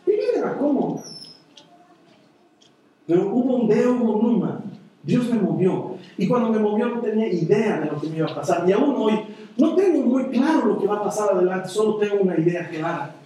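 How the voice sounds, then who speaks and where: A man preaching a sermon, telling personal stories in an earnest way and often dropping into a soft, quiet voice. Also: high-pitched, expressive, brisk. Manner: earnest, personal storytelling with sudden soft drops. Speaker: pastor. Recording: echoey hall, voice from far off.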